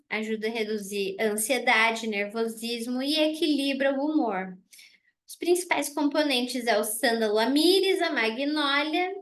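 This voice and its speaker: A woman dentist giving a casual online presentation, explaining warmly and rephrasing her points, on a computer mic. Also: sits high. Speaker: dentist presenting a wellness oil kit for children.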